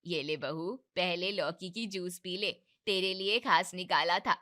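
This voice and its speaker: A woman's voice: lowish voice, a little slow, sharp tone. A woman voicing a bossy but caring older mother-in-law in a cartoon family drama, scolding and commanding.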